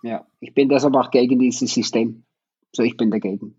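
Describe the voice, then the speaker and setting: A Dutch man in his fifties, a native speaker with a Dutch accent, chats casually as a guest who is a parent of athletes. His mid-range voice is steady, slightly mellow and husky at a normal speed, and he hesitates with many fillers and restarts. The sound is lo-fi with no room ambience.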